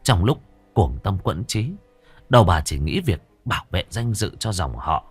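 A man narrating a ghost story in a dramatic, expressive way. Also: sits low, measured pace, husky, dry recording, soft background music.

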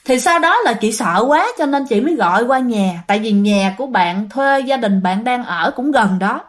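Speaking straight to her audience, a Southern Vietnamese-accented woman recounts a ghost story in a chatty manner. Her pitch is fairly high, her delivery animated, her pace moderate.

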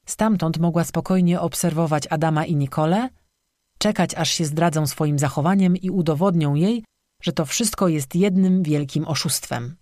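An audiobook narrator reading a spooky storybook in a steady, measured way, close to the microphone. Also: medium pitch, no echo.

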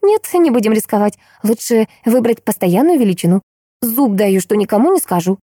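A woman voicing an excitable, chatty teenage girl who squeals and fires off questions. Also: a little high, no room sound, clean studio sound, voice pushed up. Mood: playful. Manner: squealing, rapid-fire questions. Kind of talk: audiobook character voice.

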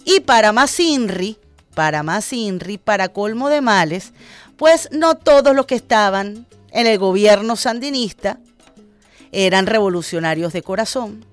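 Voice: mid-range voice, lively intonation, measured pace, faint music behind. A radio host with a Venezuelan accent giving impassioned political commentary, repeating phrases for emphasis.

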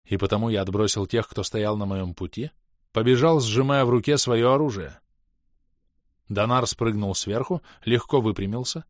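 Low-voiced man reading a fantasy audiobook. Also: moderate pace, dry recording, studio quality. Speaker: audiobook narrator.

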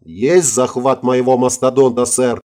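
A man's voice: medium pitch, fairly even intonation, a little slow, warm tone, natural voice. A man voicing a clipped pilot under fire. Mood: tense. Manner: clipped military reports. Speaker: mastodon pilot.

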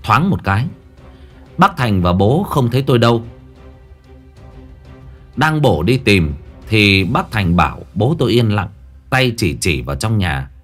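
Low-voiced man telling a ghost story. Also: a little slow, long pauses, soft background music. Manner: lively, dramatic telling.

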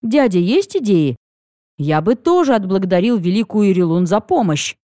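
A woman's voice: medium pitch, very animated, normal speed, dark tone, dry recording, clean studio sound, lightly acted. A woman reading a cheeky young dragon. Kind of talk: audiobook reading.

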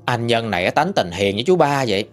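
A man's voice: mid-range voice, fast. A man, narrating a ghost story in a folksy, conversational way. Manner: folksy, lively retelling with rising and falling emphasis. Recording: faint background music.

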